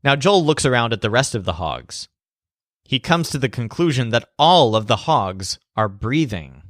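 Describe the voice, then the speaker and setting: A man teaching a language lesson, telling a mnemonic story in animated scripted narration and spelling words out. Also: mid-range voice, moderate pace, no echo, clean studio sound.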